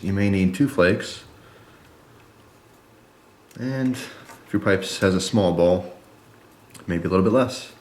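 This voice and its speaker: Man, very low pitch, casual folksy reviewer, informal step-by-step explaining, echoey room sound. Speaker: product reviewer and video host. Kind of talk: casual chat to viewers while demonstrating.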